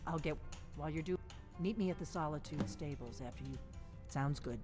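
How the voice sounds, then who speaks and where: An actor voicing a hushed game character. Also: medium pitch, brisk, music in the background, lightly acted. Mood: conspiratorial.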